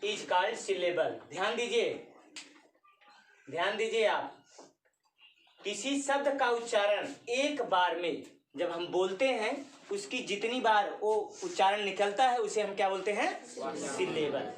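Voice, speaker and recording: A woman's voice: medium pitch, expressive, unhurried, a little hiss or hum. A woman teacher who gives a classroom grammar lesson. She dictates definitions word by word, repeats terms, and asks the class questions before answering them herself. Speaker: English teacher. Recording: roomy sound from a mic at a distance.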